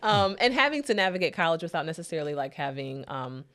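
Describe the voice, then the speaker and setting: A woman's voice: sits low, big pitch swings, fast talker, a bit bright. A woman in her thirties, a therapist and podcast guest, talking reflectively and searching for her words. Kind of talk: casual interview chat.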